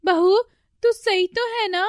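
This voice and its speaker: A woman voicing a fretful, easily panicked older mother-in-law in a storybook tale, with a shrill, wailing, pleading way of talking. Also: steady tone, slow pace, no echo, clean studio sound.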